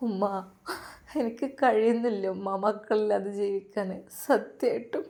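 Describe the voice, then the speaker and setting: A woman's voice: mid-range voice, steady tone, normal speed, dark tone, close to an everyday voice. A woman voicing a grief-stricken young mother who pleads tearfully for her children. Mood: tearful pleading.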